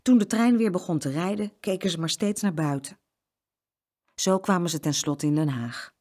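A woman reading a children's story aloud with an expressive, lively delivery. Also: on the low side, normal speed.

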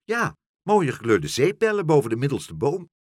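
A man voicing a cheerful, chatty male seagull who squawks loudly, in a spoken storybook. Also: mid-range voice, wildly swooping pitch, moderate pace, husky, dry recording, studio quality. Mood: eager. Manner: loud and squawking.

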